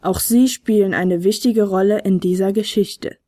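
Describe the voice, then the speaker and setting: A woman voicing a wise, noble male winged horse who speaks slowly and knowingly in a storybook reading. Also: medium pitch, no room sound, clean studio sound, lightly acted. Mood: calm. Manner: slow, knowing and calm.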